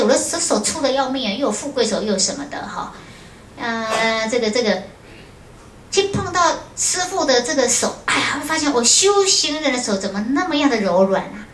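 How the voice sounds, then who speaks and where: A woman, a Buddhist nun, tells her memories to an audience with a fairly high voice and lively short fillers. The room echoes and there is faint ambient noise. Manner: lively storytelling with frequent "hao" and "ha" fillers. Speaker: Buddhist nun giving a lecture. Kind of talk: storytelling lecture to an audience. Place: lecture room at a foundation. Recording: roomy hall with faint ambience.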